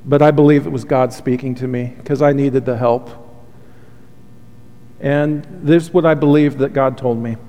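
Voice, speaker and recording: A pastor with a steady, mid-range voice gives a sermon at normal speed, earnest and heartfelt with a soothing quality. Soft confessional asides break in now and then, and a long hall reverb fills the recording.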